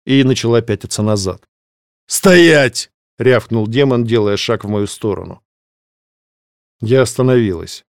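A man reading a fantasy novel aloud as scripted narration, in a measured, steady way. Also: fairly low pitch, creaky, no echo, studio quality. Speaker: audiobook reader.

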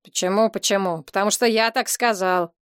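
Lady doing a gruff bossy young thug guy, curt, barking orders, dry close sound. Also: medium pitch, fairly even intonation, brisk, dry recording, close to an everyday voice.

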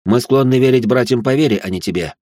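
A man voicing a cold inquisitor monk who speaks calmly and matter-of-factly. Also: mid-range voice, quick pace, no room sound, studio quality, pitched above the performer's own voice, close to an everyday voice. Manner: calm, matter-of-fact.

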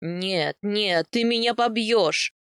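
A woman reading aloud, voicing a playful young steppe husband in a lowered, eager, teasing voice. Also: slow pace, a bit bright, smooth, dry recording, studio quality.

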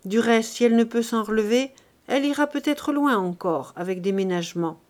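An older country doctor and former navy surgeon in an audiobook novel, blunt and weathered but gentle underneath. He reassures in a measured, patient way, as a woman reading aloud puts him on. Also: a little high, close to an everyday voice. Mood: reassuring. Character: older male doctor, gruff but kindly.

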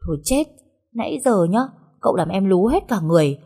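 A woman voicing a cheeky, dramatic young maid girl in a storybook reading, high-pitched and pleading. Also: big pitch swings, a little fast, warm tone, breathy edge. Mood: whiny pleading.

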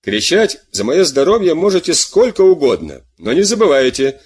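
Sly police spy read by a man, husky and mocking. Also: fairly high pitch, sing-song, normal speed, darkish tone, pitched above the performer's own voice. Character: scheming police spy leading sergeants, sly and smug.

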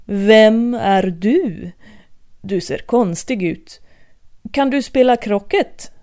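A woman reading a storybook, voicing an imperious, bossy queen who gives loud, slow commands. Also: on the high side, lively intonation, close to an everyday voice. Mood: commanding.

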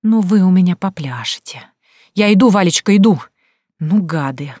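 A brash, feisty young village woman who snaps back at everyone, as a woman narrator puts her on. Her lines jump up sharply and come out loud and quick, read in a close, dry audiobook sound. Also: medium pitch, lively intonation, dry recording, natural voice.

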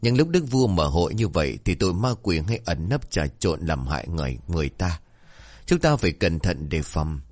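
A man voicing a sharp-tongued, bossy stepmother who scolds and lectures her daughter in a folk tale. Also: deep voice, sing-song, moderate pace, no echo. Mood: scolding.

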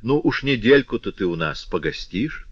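A man's voice: lowish voice, big pitch swings, normal speed, slightly rough, no room sound, muffled recording. A man voicing a prim, inquisitive old spinster aunt who fusses and coaxes. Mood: coaxing. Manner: fussing, coaxing and exclaiming.

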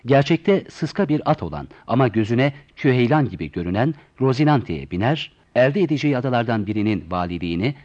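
A man reading a classic tale aloud as narrator, acting out the characters' lines. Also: fairly low pitch. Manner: acts out the dialogue with raised, shouting lines. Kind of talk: storybook reading with voiced dialogue. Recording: dull lo-fi recording with soft music.

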